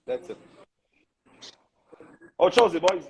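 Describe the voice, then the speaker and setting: A man's voice: sits high, big pitch swings, slow, a little hiss or hum, poor audio. A man with a Quebec French accent, a bodybuilding coach hosting a casual live chat in a loose, talkative way, sprinkling in English slang.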